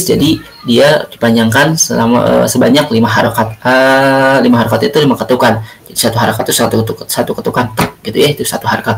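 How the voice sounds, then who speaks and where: A male religious studies teacher explaining Quran recitation rules, drawing out chanted Arabic words slowly between explanations. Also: medium pitch, gravelly, low-quality recording. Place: home or classroom, recorded for remote learning.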